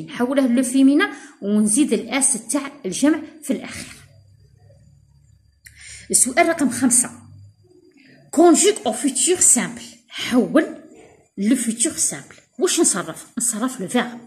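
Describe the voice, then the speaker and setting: Algerian woman teaching, slow patient dictation. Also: fairly high pitch, a little mellow. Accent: Algerian Arabic. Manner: explains in dialect, dictates French slowly, spells letter by letter. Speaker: primary school teacher. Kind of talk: recorded exam revision lesson.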